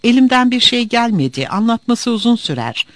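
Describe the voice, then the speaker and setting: A man's voice: extremely high pitch, sing-song, fairly quick, a bit bright, no room sound, pitched above the performer's own voice, full character voice. A man voicing a desperate young woman who pleads and stammers through tears.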